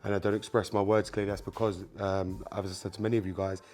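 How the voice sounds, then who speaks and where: This car mechanic channel host, a man whose first language is Spanish, talks fast in a fairly low, slightly mellow voice with a flat delivery. He runs a hands-on repair tutorial, chatting casually and addressing viewers as "you guys" while he works. He leans on filler words like "um" and "obviously."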